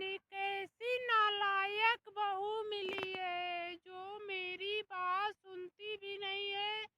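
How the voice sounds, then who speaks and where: A woman voicing a scolding older mother-in-law who nags her lazy daughter-in-law, shrill and drawn out. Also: bright, forceful tone, slight background noise, heavily acted.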